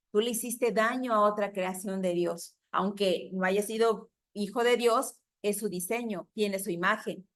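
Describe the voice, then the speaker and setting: A woman with a Mexican Spanish accent teaching a Bible class, lively and preacher-like, asking the class rhetorical questions. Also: medium pitch. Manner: animated preaching with rhetorical questions and acted-out quotes.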